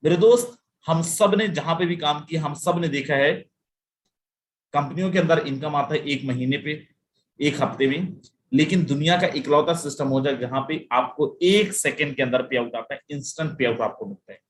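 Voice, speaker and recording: A man's voice: fairly high pitch, normal speed. A man presenting a live sales webinar, emphatic and full of rhetorical questions, often mixing in English phrases and calling listeners "my friend".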